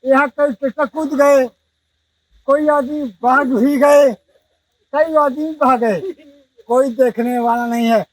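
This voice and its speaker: A man's voice: very high voice, fairly even intonation, slow pace, pauses often, no echo, far from the mic, poor audio. A distressed village man talking outdoors by floodwater, despairing and repeating himself.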